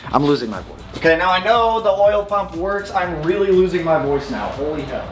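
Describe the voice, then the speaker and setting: With a high, animated voice and a fairly quick pace, a car modding vlogger walks through car repair steps as he works in his garage. He keeps it casual, upbeat and plain-spoken, and clear background music sits over his voice.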